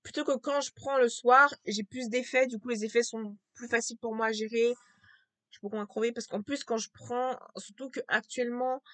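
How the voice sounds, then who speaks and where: A woman talking to camera in a casual vlog with a low, strained voice, hesitant and repetitive, full of fillers and restarts. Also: steady tone, brisk, fairly bright tone, no echo. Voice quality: low, gravelly voice.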